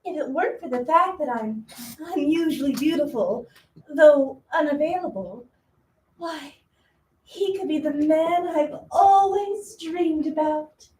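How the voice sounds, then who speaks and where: A woman's voice: sits high, expressive, unhurried, darkish tone. A woman playing a coy, vain young town beauty in a comic stage show. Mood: smitten. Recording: echoey, distant, noisy stage recording.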